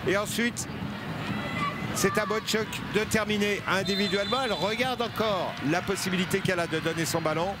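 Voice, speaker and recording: A man's voice: high-pitched, a little fast. A man giving sports commentary as an analyst, breaking down the play. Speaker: match analyst. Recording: loud outdoor stadium noise behind. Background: loud ambient noise.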